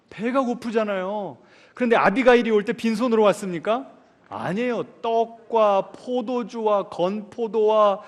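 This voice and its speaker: A man preaches from a pulpit in a high, lifted voice, asking his listeners questions and then answering them himself. He pushes some points out loudly and drops others to a near-murmur. The sound rings on in the long reverb of a large church hall. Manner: swings sharply between loud emphasis and soft asides. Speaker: pastor. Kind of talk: sermon.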